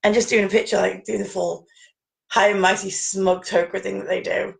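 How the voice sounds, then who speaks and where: A woman co-hosting a casual chat, rambling and chatty with frequent laughs and a gravelly voice. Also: mid-range voice, flat delivery, normal speed. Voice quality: gravelly, creaky voice. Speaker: podcast co-host. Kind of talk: casual chat about fan conventions.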